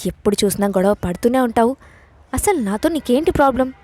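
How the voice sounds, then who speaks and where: A woman's voice: a little high, expressive, a little fast, warm tone, no echo. A woman reading the part of a hot-tempered young woman who snaps back indignantly. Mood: defiant. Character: feisty young bride, defiant and hot-tempered.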